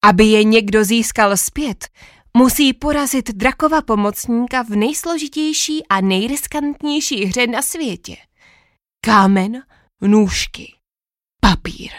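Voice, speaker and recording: A woman narrating a first-person story in a lively, expressive way. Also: on the high side, no room sound, studio quality.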